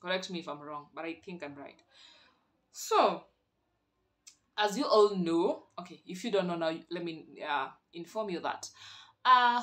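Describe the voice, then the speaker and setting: Bright-voiced Kenyan woman vlogging. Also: fairly low pitch. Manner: playful, teasing, chatty, switching between languages mid-sentence. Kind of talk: casual chat.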